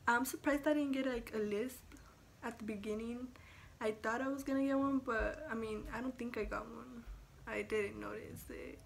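A teenage girl talking through braces, her voice sitting a little high. She rambles in a loose vlog chat full of "like" and restarts, swearing now and then. A soft hiss runs faintly under her voice. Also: fairly even intonation, normal speed, vocal fry. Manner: rambling, frequent fillers and self-corrections, casual swearing. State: speaking with braces. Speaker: vlogger.

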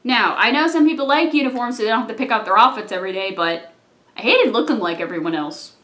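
In this casual storytime vlog, a young adult speaks fast and expressively in a mid-range voice from the couch of a small living room. The rambling story drifts into quiet, mumbled asides, recorded in an echoey room by a camera on a tripod a few feet off.

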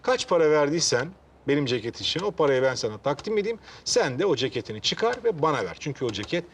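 A man's voice: fairly high pitch, sing-song, quick pace, a little hiss or hum. An actor playing a courteous, long-winded man in a comedy series who argues to get his jacket back in flowery, formal words. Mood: patiently formal. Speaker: sitcom character.

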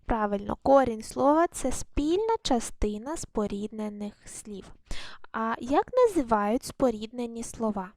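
A woman's voice: a little high, animated, unhurried, creaky, darkish tone, no room sound. A woman primary school teacher giving a recorded class lesson, patiently asking questions and then answering them herself, with some hesitant fillers and self-corrections.

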